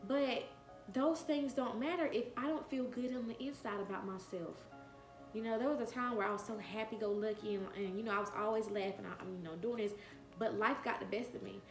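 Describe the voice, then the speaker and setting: A vlogger in her late twenties shares a personal story, earnest and emphatic, repeating phrases to hammer her point home. Her mid-range voice moves fairly quickly in an echoey room, with soft music playing in the background.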